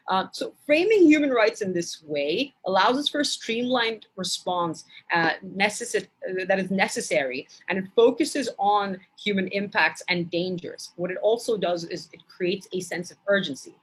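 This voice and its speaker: A woman from Bangladesh giving an academic lecture in a measured way, with frequent hesitation fillers. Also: on the low side, husky, poor audio.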